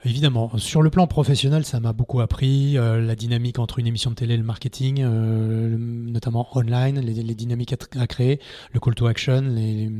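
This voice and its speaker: A middle-aged man, a former poker TV presenter, talking casually as a podcast guest and acting out anecdotes with lively energy. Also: mid-range voice. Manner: animated storyteller, acts out scenes in shouts.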